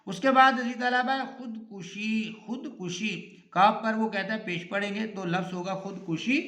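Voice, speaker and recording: A male Urdu teacher giving a recorded grammar lesson, slow and deliberate, repeating each word to drill its pronunciation. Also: high-pitched, fairly even intonation, pushed and bright. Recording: echoey room.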